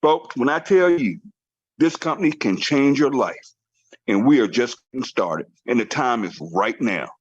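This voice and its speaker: A man's voice: medium pitch, lively intonation, normal speed, husky, no echo, highs cut off. A man leading a motivational team training call, urging and repeating his points with emphatic, preacher-like drive. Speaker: network marketing team trainer. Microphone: conference call line.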